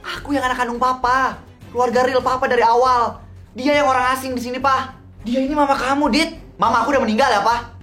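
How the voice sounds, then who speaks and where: A man's voice: medium pitch, lively intonation, brisk, pauses often, faint music behind, lightly acted. A man playing a neglected teenage son who pleads with his parents for love, wounded and bitter. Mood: accusing. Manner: wounded, pleading, turns accusing.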